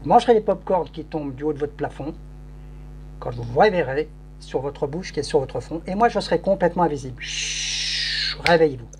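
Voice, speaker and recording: Fast-talking, with a slightly high, darkish voice and lively intonation, a man works as a stage hypnotist in a live show. He repeats commanding suggestions and shushes the audience, captured in a noisy recording with hum.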